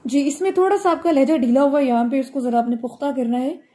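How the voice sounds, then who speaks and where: A woman's voice: high-pitched, fast, dark tone. A woman teaching Quran recitation, patiently correcting a student's pronunciation and chanting the verses melodically.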